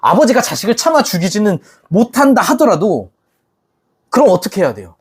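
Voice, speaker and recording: A man's voice: high-pitched, very animated, fairly quick, husky. A man preaching a sermon as pastor, speaking casually to the congregation, asking them questions and acting out quoted voices. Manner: conversational, asks the congregation questions.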